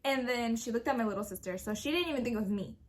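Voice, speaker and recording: Giggly young woman, slightly high voice, chatty q&a storytime vibe. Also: rapid-fire, noisy background. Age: young adult. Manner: giggly, laughs often while telling a story; chatty, full of fillers and quoted speech. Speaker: young parent answering viewer questions. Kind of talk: casual Q&A chat.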